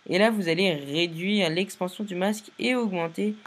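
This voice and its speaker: A tired man casually narrating a software tutorial, giving step-by-step instructions with many fillers and restarts. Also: high voice, normal speed. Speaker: video editing tutorial maker.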